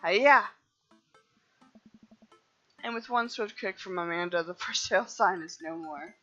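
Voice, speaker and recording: A woman's voice: lowish voice, moderate pace, a bit bright, muffled recording, soft background music. A woman playing a dating game, reading the dialogue aloud playfully and laughing at her own jokes.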